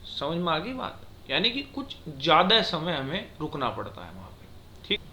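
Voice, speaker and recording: Bright-voiced male teacher explaining grammar. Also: a little high, huge pitch swings, moderate pace, slight background noise. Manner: explains patiently, checks often for understanding.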